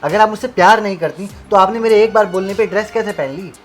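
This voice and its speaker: A man's voice: high-pitched, quick pace, faint music behind, close to an everyday voice. A young man playing a wheedling, pushy brother-in-law. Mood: coaxing. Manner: coaxing, wheedling. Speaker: actor in a short film. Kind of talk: melodramatic web short film acting.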